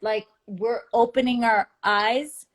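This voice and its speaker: A woman speaks as a guest in a casual video chat. She talks haltingly, with a lot of restarts and fillers, in a fairly high voice that comes through a video call. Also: fairly even intonation. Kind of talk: casual conversation.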